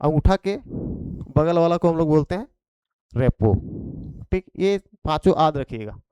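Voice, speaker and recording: A man's voice: on the high side, lively intonation, moderate pace, mellow, clean tone, no room sound, lo-fi sound. A man with a Khortha accent teaching an exam prep vocabulary lesson, repeating each point and checking in after it.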